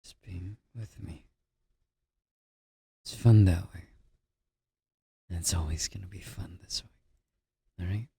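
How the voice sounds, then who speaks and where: A man doing an ASMR role-play as a comforting boyfriend, speaking in a soft, breathy, intimate murmur with a husky, gravelly edge, close to the microphone. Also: low-pitched, dry recording. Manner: slow, gently reassuring boyfriend-style comforting.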